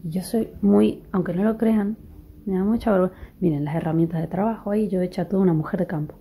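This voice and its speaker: A young woman vlogs casually from her rural house, her voice low and weak from illness, often half-whispering and cooing at dogs. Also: fast, dark tone, a little hiss or hum. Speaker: vlogger. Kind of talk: casual vlog narration. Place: rural house, partly outdoors.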